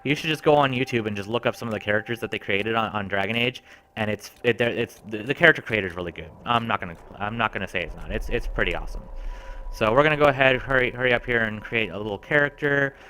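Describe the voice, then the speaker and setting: A man's voice: lowish voice, fast, sharp tone, a little hiss or hum. A man giving casual, enthusiastic gameplay commentary as a game reviewer. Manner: chatty and enthusiastic.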